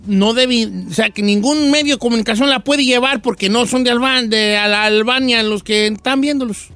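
A man's voice: very high-pitched, steady tone, moderate pace, sharp tone, no echo. A man hosting a comic news show, reading stories and teasing his co-hosts.

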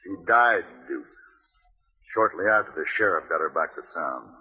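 Raspy Paladin, stern radio Western gunfighter. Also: male voice, low voice, lively intonation. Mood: grave. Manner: deliberate, menacing, commanding. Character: stern, relentless Western gunfighter hunting outlaws. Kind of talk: old-time radio Western acting. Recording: muffled reverberant vintage radio recording.

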